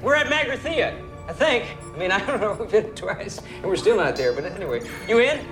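Brash film-comedy space rogue: high-pitched, swaggering, very animated, slangy. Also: male voice, a little fast, reverberant, music in the background. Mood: cocky, breezy. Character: brash, cocky, excitable space-pirate leader.

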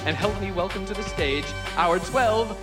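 A man's voice: sits high, close to an everyday voice. An actor playing a showy, gushing pageant master of ceremonies, drawing words out as he announces to an audience, in a film. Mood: showy excitement. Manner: gushing, drawn-out showman delivery. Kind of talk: exaggerated stage announcing to an audience. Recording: loud music and crowd behind.

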